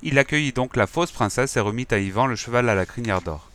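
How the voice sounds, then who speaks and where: A man narrating a fairy tale in a calm, measured reading voice. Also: medium pitch.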